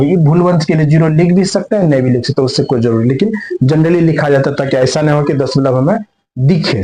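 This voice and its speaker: A man's voice: fairly high pitch, darkish tone, poor audio. A man teaching a maths class. He asks questions and answers them himself, and he repeats and rephrases each step. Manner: repeats and rephrases points, mixes in English terms. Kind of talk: classroom lesson explaining on a board.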